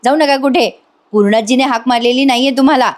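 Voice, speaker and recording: A woman's voice: sits high, quick pace, natural voice. A woman voicing an exasperated young wife from a TV serial, insistent and scolding as she demands to be told what is going on. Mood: demanding.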